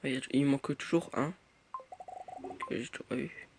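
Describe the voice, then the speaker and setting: A man's voice: mid-range voice, fairly even intonation, unhurried. A teenage boy giving casual gameplay commentary, rambling with many fillers and muttering at the game. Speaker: gaming youtuber. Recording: noisy home recording.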